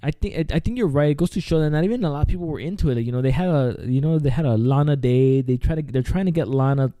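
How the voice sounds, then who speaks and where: A young man co-hosting a wrestling podcast talks in a chatty, eager way, often restarting his sentences. His voice is very dark and mellow. It is recorded dry and close on a desk microphone. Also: a little high, very fast, dry recording. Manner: chatty, enthusiastic, repeats words while thinking. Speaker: podcast co-host. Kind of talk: casual wrestling podcast chat.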